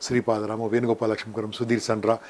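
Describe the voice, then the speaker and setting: An older man, giving an interview as a motivational speaker and telling his story in an animated way, listing things off and acting out quotes. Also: on the low side, quick pace, slight background noise. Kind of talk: casual interview talk.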